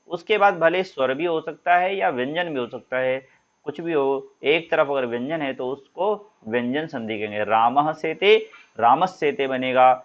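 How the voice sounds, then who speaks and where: The recording is muffled, carrying a man's slightly high voice as he gives a classroom lesson on Sanskrit grammar. He takes his time explaining and draws out illustrative sounds for the class.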